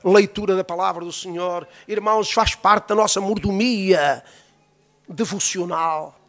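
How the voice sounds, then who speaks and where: A Portuguese-accented male pastor teaches a Bible-school session in a strikingly high voice. He speaks with sermon-like emphasis, swells at times toward shouting, and draws call-and-response "amens" from the room. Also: unhurried, soft background music. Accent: European Portuguese. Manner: emphatic, rising to near-shouts, calls for "amen".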